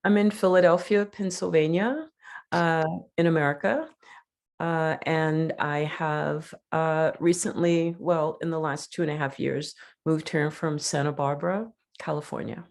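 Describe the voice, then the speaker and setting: A woman introducing herself haltingly on a video call. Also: deep voice, fairly even intonation, creaky, a little mellow. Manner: halting, filler-heavy. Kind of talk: casual self-introduction.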